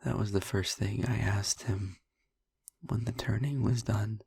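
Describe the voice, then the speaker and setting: In an intimate audio roleplay, a man voices a young vampire boyfriend who comes across as haunted, tender and wry, resigned in mood. His lowish voice is hushed, breathy and husky, steady in tone and broken by long halting pauses. The heavily acted performance is a dry, studio-quality recording.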